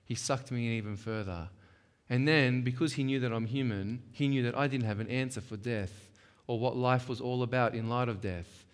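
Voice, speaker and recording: A man's voice: mid-range voice, moderate pace, hardly any pauses. A man leading a church workshop session, talking conversationally and emphatically, often checking in with the audience. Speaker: workshop speaker. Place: church hall. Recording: long hall reverb.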